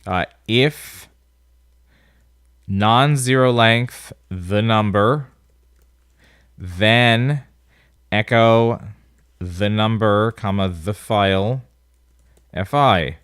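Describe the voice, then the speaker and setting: Voicing over a screen recording, a nasal-sounding man talks through a coding tutorial very slowly, pausing often and thinking aloud as he types commands. His voice is on the low side yet fairly bright and clean, with studio-quality audio and no room sound.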